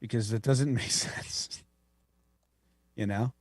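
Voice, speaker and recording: A man's voice: medium pitch, fairly even intonation, slow, dry recording. A man co-hosting a podcast, chatting casually and playfully about baseball. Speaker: podcast co-host. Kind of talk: casual sports chat.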